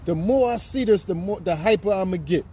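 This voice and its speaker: A man's voice: high-pitched, a little fast, mellow. A man of fifty doing a casual live-stream chat outdoors, talking straight to his viewers. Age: 50s. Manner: chatty, talks straight to viewers. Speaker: livestreamer. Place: outdoors on a city street. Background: faint street and traffic noise.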